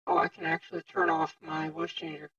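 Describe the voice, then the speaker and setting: A man streaming through a robotic, pitched-up voice changer, rambling casually with fillers. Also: monotone, fairly quick, gravelly, sharp tone, slightly rough. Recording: dry, distant, dull lo-fi mic.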